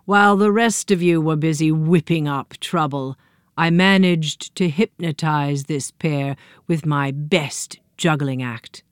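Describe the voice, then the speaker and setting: A woman voicing an evil, scheming male circus clown who talks slowly and gloats. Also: deep voice, clean tone, no room sound, studio quality. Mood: gloating. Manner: slow, gloating, menacing.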